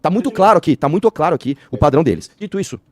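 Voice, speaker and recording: A man sparring in a heated studio podcast debate, combative and quick to fire back. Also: on the high side, expressive, no echo. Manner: rapid-fire, combative, laughs off insults.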